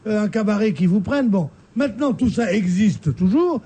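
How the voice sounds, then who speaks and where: A man's voice: high-pitched, expressive, moderate pace, warm tone, slightly rough. A man on a radio panel giving strong opinions, stumbling and repeating his words. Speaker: regular panelist. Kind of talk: radio talk show chat. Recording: radio broadcast studio.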